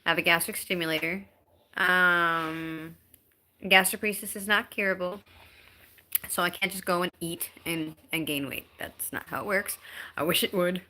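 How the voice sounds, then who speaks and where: She's in her thirties, with a bright, clear voice that sits on the low side, talking casually to viewers over a phone live stream. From home she reads their comments aloud, in an easygoing, halting manner full of ums and restarts.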